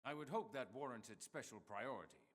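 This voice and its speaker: An actor playing a stern, commanding male director general in a video game, with a measured, dry, authoritative delivery. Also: mid-range voice, lively intonation, fairly bright tone. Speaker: game character.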